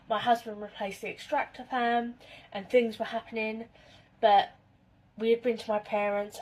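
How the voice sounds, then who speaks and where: A woman's voice: medium pitch, darkish tone. A woman, chatting casually to camera in her home kitchen and telling spooky stories in a rambling way. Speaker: vlogger.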